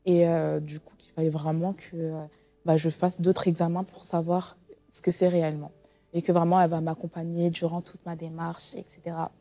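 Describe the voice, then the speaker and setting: A woman's voice: on the low side, little pitch movement, normal speed, mellow, dry recording. A woman in her twenties sharing a personal testimony in an interview, speaking hesitantly with many fillers and restarts. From Portugal. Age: 20s.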